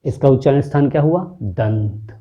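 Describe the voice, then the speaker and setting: A man's voice: medium pitch, dark tone. A man teaching a pronunciation lesson, patiently sounding out consonants one by one and asking the viewer where each sound comes from. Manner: patient, demonstrative, repeating sounds slowly and quizzing the viewer. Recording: dull lo-fi recording.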